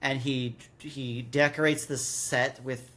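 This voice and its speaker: This male co-host has a medium-pitched, slightly bright voice with fairly even intonation, and he takes his time. Sitting in person with his co-host, he casually recaps and critiques a radio drama, full of repeated words and exasperated tangents.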